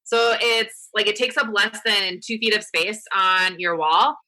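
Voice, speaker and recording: Podcast co-host woman, bright tone, rambling casual chat. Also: medium pitch, steady tone, measured pace, low-quality recording. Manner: chatty, fills talk with "like".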